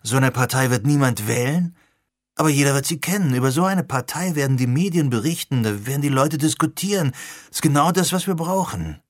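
Brief: man reading excitable young organizer, higher and quick, dry close sound. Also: no echo, natural voice. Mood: eager.

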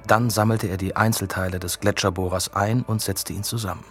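A man reading an audiobook with steady, even storytelling. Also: sits low, a little fast, husky, soft background music. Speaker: narrator. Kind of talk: scripted audiobook narration.

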